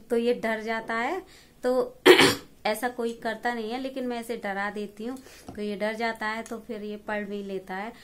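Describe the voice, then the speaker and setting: A young woman narrating a casual home vlog at night, chatty and matter-of-fact, as she tutors her son. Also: fairly high pitch. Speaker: vlogger and mother.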